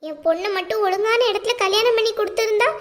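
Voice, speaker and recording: A woman's voice: extremely high pitch, fast talker. A bitter aunt, voiced by a woman in a cartoon. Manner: resentful, wailing complaints. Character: bitter grieving middle-aged aunt. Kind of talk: cartoon voice acting.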